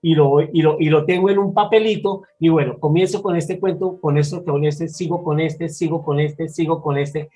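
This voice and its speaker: A man with a Bogotá Colombian accent and a fairly high voice talks about his storytelling craft. He sounds animated and expressive, and he often restarts his phrases as he goes. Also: moderate pace, hardly any pauses, low-quality recording. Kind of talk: casual interview talk.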